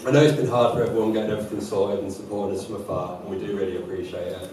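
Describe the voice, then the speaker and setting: A young man gives a chatty, joking groom's speech at a quick pace, tripping over words. His voice is on the low side, picked up from a distance in a noisy, heavily echoing space. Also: fairly even intonation, a little mellow. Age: young adult. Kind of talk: informal wedding speech. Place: large echoey wedding venue with guests. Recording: very echoey, noisy room, distant mic.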